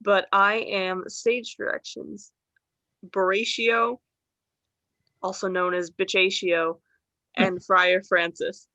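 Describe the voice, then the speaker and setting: A woman reads the stage directions for an amateur online play reading, hesitant and unhurried. Her voice is bright and crisp, recorded dry and close. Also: mid-range voice, flat delivery, dry recording. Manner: hesitant, with fillers. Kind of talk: casual chat and reading. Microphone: home mic, off camera.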